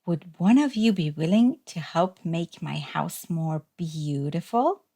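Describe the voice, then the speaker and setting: Woman voicing a gentle, unhurried little hermit crab. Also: lowish voice, animated, full character voice. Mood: admiring, polite. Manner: gentle, earnest, courteous questioning. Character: timid, polite, appreciative hermit crab looking for friends. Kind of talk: children's storybook character voice.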